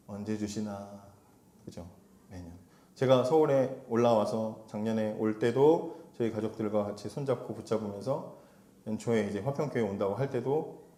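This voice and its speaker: A man's voice: medium pitch, dark tone, echoey room. A male pastor preaching to a young congregation, talking conversationally, asking them questions and briefly acting out quoted voices. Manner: acts out quoted voices with sudden shifts. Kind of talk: sermon to a youth congregation.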